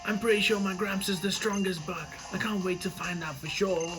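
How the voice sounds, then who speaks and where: A man voicing a cheerful, chatty teenage boy from a video game, musing out loud. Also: high-pitched, steady tone, a little fast, over music, pitched above the performer's own voice, lightly acted.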